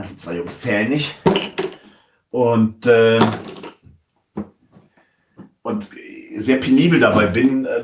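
Rambling man muttering over gameplay, roomy sound. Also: fairly low pitch. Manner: rambling, mutters to himself, swears casually. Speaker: let's play commentator. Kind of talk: casual gameplay commentary. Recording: roomy, distant mic, noisy background.

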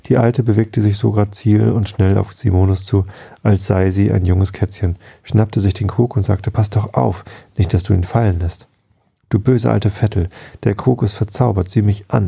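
A man reading a bedtime story aloud in a calm, soft-spoken way. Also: low-pitched, creaky, husky.

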